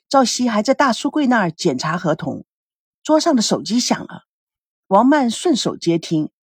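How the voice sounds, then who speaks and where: A woman narrating an audiobook drama in an expressive storytelling manner, recorded on a close mic. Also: mid-range voice, moderate pace, husky, no echo.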